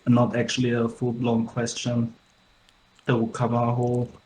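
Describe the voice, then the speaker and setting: A man in a casual online debate, talking haltingly with many fillers through a microphone that makes him sound robotic and metallic. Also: medium pitch, completely flat delivery, a little mellow. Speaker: debate participant. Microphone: laptop microphone. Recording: echoey with faint noise.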